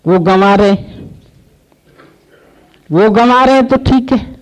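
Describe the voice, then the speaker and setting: Slow-spoken woman giving a spiritual talk. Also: fairly high pitch, rough recording. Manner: storytelling, acting out dialogue. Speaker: spiritual teacher. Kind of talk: devotional sermon with parable.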